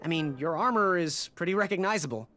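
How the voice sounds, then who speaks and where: Wry young hero knight, lively pitch, easygoing. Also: male voice, quick pace, soft background music. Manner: wry, good-natured, a little hesitant. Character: young male knight hopeful, good-natured and wry. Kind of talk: video game voice acting.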